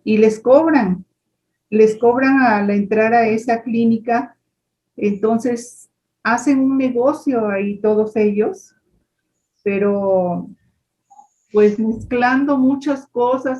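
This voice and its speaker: A woman's voice: a little high, warm tone, lo-fi sound. A woman telling a story in an online class, rambling with many fillers. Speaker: class participant.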